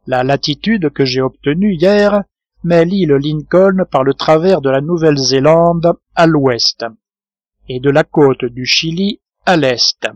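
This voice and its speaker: A man reading a novel aloud in measured scripted narration, lightly voicing the characters. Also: fairly high pitch, no room sound, lo-fi sound. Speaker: audiobook reader.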